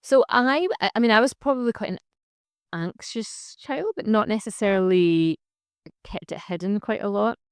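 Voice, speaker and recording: A woman's voice: medium pitch, moderate pace, clean tone, no room sound, studio quality. A young adult woman, a social enterprise founder talking reflectively in a casual interview, with plenty of fillers and restarts. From Scotland.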